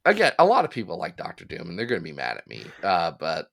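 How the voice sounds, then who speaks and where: A man co-hosting a comics podcast in casual comedic chat, jokey and animated, swinging between loud bursts and mumbles. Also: low-pitched, fast, vocal fry. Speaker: podcast co-host.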